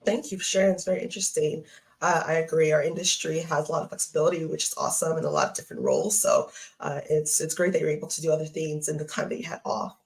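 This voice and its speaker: A woman's voice: low-pitched, expressive, fast, poor audio. A woman hosting an interview series, reading a polished introduction and asking questions. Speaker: host.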